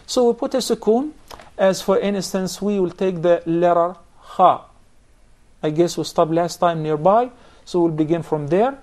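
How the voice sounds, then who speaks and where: In a Quran recitation class, a man with a high, darkish voice speaks a little slowly as he patiently explains points and quizzes his students.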